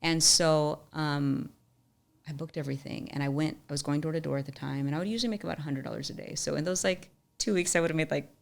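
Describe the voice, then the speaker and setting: A young woman telling a personal story as a podcast guest, animated and chatty, leaning on "like" a lot. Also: deep voice, fast, creaky. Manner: animated storyteller, often says "like". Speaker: podcast guest, musician and entrepreneur. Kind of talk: storytelling in casual interview.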